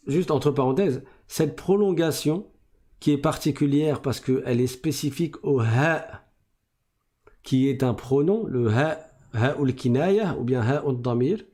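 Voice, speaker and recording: A man gives a recitation lesson at an unhurried, careful pace. His voice sits a little high for a man. He explains patiently and repeats each rule so the class can follow. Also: mellow. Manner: slow, deliberate explaining, repeats rules. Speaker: Quran recitation teacher.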